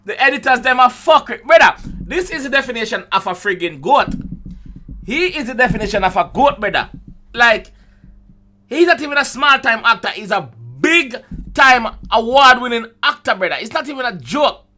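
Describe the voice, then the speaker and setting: Jamaican man, young adult, high bright voice, lively swooping delivery, reaction commentary. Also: moderate pace. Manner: loud exclamations, swearing, laughing outbursts. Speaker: music reaction host.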